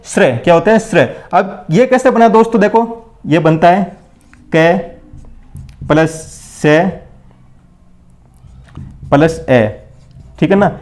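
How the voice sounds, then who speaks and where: Writing on the blackboard as he goes, a man with a fairly high, slightly mellow voice leads an exam-prep lesson, and the scratch of his writing is audible behind him. He moves slowly with long pauses, drilling each point call-and-response style by posing questions and answering them himself, repeating both. He keeps addressing his listeners as friends.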